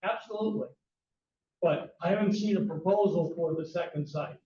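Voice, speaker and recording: Insistent man with a dark voice. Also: high voice, normal speed, a little hiss or hum. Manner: pointed, insistent questioning. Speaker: resident speaking at a public hearing. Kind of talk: public comment. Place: echoey town meeting hall. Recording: distant, echoey, dull hall recording.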